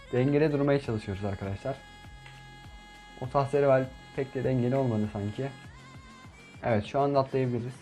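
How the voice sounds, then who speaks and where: Chatty young man narrating gameplay. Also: medium pitch. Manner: chatty, gets loudly frustrated and shouts at opponents. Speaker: gaming YouTuber. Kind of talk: gameplay commentary.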